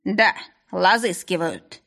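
A woman's voice: lowish voice, creaky, a bit bright, heavily acted. A woman voicing an older Chinese restaurant owner, stern yet kindly, speaking with a Chinese accent, swapping R for L and weighing every word. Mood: measured. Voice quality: slow, measured, swaps R for L.

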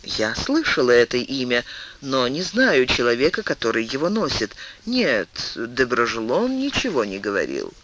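A composed, gently stern older queen, as a male audiobook reader puts her on. She speaks softly and in a measured way, with a maternal restraint. Her pitch still moves in lively curves. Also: rough recording. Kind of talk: audiobook reading.

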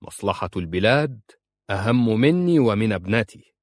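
A man voicing an older judge and father, proud and stubborn, speaking in a stern, measured way. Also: fairly low pitch, expressive, a little mellow, no room sound, studio quality.

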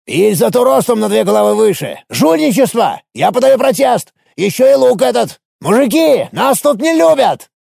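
A high gravelly grumbling dwarf. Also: male voice, sing-song, moderate pace, few pauses, darkish tone, no echo, studio quality, full character voice. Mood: indignant. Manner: gravelly, squeaky and complaining. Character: loud grumbling male dwarf, cheeky and boastful. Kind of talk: audiobook character voice.

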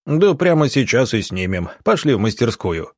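A man reading an audiobook, voicing a burly, evasive village shoemaker who mutters gruffly. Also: medium pitch, very animated, normal speed, darkish tone, no echo, studio quality. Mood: businesslike. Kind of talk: audiobook character voice.

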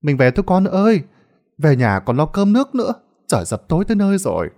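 A man's voice: a little high, big pitch swings, fast, a little mellow, voice pushed up. A man doing a timid, stammering peasant woman. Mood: gentle. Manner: stammering, begging, tearful. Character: timid pleading middle-aged peasant woman.

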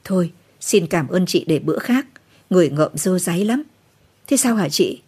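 A woman's voice: fairly low pitch, expressive, moderate pace, darkish tone, slightly rough. Woman reading a weary, awkward man. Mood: subdued. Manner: polite, awkward, subdued. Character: weary middle-aged male war cameraman.

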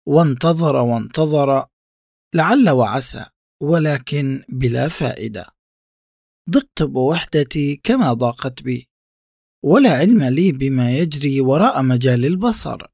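A man reading a reflective first-person literary text in a measured, contemplative way. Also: medium pitch, animated, vocal fry, darkish tone, no echo, clean studio sound. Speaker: narrator.

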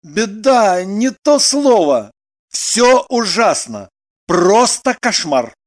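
A man's voice: high voice, sing-song, extremely slow, heavily acted. A man reading the part of a prim, self-important businessman in an audiobook, stiff and indignant.

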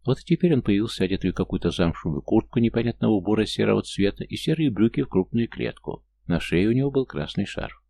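A male audiobook narrator with a deep, gravelly voice. His tone is dark and mellow. He reads the story in a measured, steady way. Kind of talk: scripted narration.

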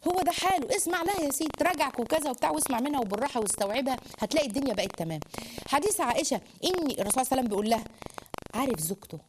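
A woman with an Egyptian Arabic accent giving a religious lesson on marriage, animated and acting out quotes in dialogue. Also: high voice, racing, noisy background. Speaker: Islamic lecturer.

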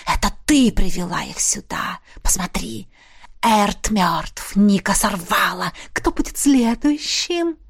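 A woman's voice: medium pitch, animated, slow pace, gravelly, breathy edge, dry recording, studio quality, full character voice. Woman whispering as a cruel taunting chaos spirit. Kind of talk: whispered role-play.

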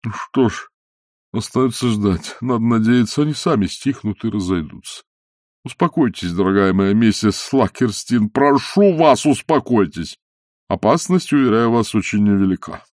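A man voicing a pompous older colonial official who blusters and shouts in indignation. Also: fairly low pitch, lively intonation, moderate pace, no room sound, clean studio sound, natural voice. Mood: outraged.

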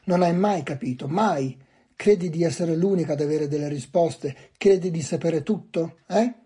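A man reading aloud, voicing a frightened farmer father who shouts harshly at his family. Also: fairly high pitch, moderate pace, husky. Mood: furious. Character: angry frightened middle-aged farmer father. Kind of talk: audiobook reading.

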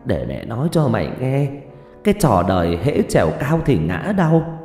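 A man's voice: mid-range voice, very animated, measured pace, mellow, echoey room, in a large hall, faint music behind. A man voicing a poor, grieving old village mother who pleads with her son through tears. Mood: tearful pleading. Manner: tearful, pleading lament.

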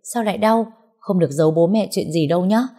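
A woman's voice: lowish voice, moderate pace, dark tone, close to an everyday voice. A woman voicing a worried middle-aged mother on the phone, asking pressing, anxious questions.

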